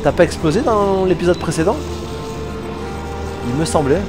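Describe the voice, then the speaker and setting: A man giving casual, excitable commentary while playing a war game, swearing and talking back to the game. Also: high-pitched, normal speed. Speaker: let's play gamer. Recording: game music under voice.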